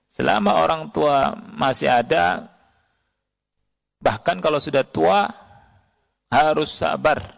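Male preacher, fairly high gravelly voice, quizzes his audience. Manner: quotes Arabic verses and asks the audience questions. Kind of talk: sermon. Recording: long hall reverb.

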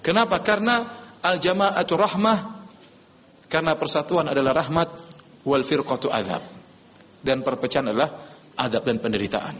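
A man giving a religious lecture, animated, asking rhetorical questions and reciting Arabic quotations before explaining them. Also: fairly high pitch, moderate pace, pauses often, big-room sound. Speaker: preacher.

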